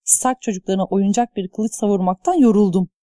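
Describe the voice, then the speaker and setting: A spoiled teenage prince who sounds bored and arrogant, sneering down at everyone around him, as a woman reads him. The voice is mellow and warm, and sits close and dry. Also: medium pitch, fairly quick, dry recording, natural voice. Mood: haughty. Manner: haughty, sneering.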